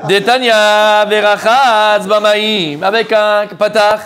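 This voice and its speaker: A man's voice: sits high, fairly even intonation, takes it slowly, crowd noise. A man teaching a Talmud class, repeating his points and quizzing his students with jokes.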